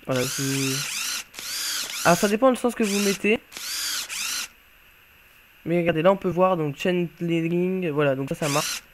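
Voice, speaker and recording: A man's voice: on the high side, lively intonation, a little slow, long pauses, background noise. A man giving casual gameplay commentary as he shows off a game mod, talking offhandedly and thinking aloud while he plays. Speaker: YouTuber showcasing a game mod.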